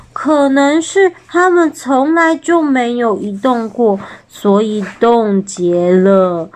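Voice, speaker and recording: Wise old snowman from a storybook, slow, calm, patient, voiced by a woman. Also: a little high. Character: wise old male snowman, well traveled.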